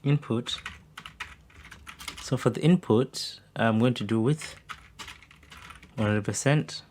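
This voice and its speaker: Male coding tutor, mid pitch, talks through each step while typing, faint hiss and keyboard clicks under the voice. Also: slow pace, darkish tone. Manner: talks while typing, thinks aloud with fillers. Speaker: coding instructor. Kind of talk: screen-recorded coding tutorial.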